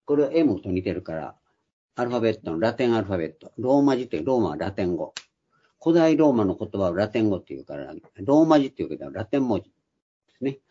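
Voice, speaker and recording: A man's voice: on the low side, very animated, quick pace, warm tone, husky. An older man giving a Bible study lecture, explaining patiently with frequent hesitant fillers, in a dull lo-fi recording. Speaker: Bible teacher.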